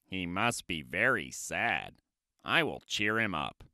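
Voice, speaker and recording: A man voicing an anxious, devoted male toad, speaking low, soft and fretful. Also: very animated, slow pace, dry recording, clean studio sound, heavily acted. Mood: worried.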